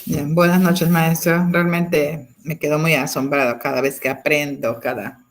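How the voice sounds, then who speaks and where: A woman's voice: low-pitched, flat delivery, measured pace. A woman in her fifties, a teacher, tells a personal story over a video call, with many restarts and tag questions. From Peru. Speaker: teacher sharing a testimony. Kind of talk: personal anecdote in an online class.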